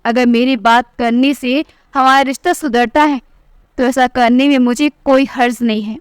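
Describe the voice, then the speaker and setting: A stern, disappointed father with a measured, reproachful delivery, as a woman storyteller voices him. The tone is high and smooth, with a clear, resonant quality. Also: fairly even intonation, dry recording, studio quality, natural voice. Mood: calm.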